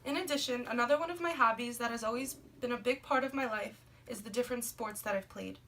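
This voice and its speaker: Quick and sharp-toned, with a voice on the high side, a twenty-year-old woman from Brooklyn, New York reads aloud a prepared presentation about herself for a class assignment. She delivers her list steadily, captured in a noisy, somewhat distant recording.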